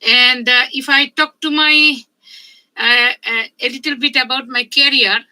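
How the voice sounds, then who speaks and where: A woman in her fifties, a medical researcher giving a conference talk in a halting, measured way with frequent pauses. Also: high-pitched, steady tone, pushed and bright, rough recording. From Bangladesh. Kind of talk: conference presentation.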